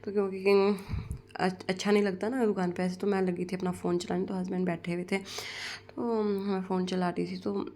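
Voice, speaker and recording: A woman's voice: mid-range voice, flat delivery, normal speed, a little mellow. A young woman, casually narrating her day as a vlogger, rambling from one thing to the next. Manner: rambling, strings lines together with "so guys". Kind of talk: casual vlog voice-over narration.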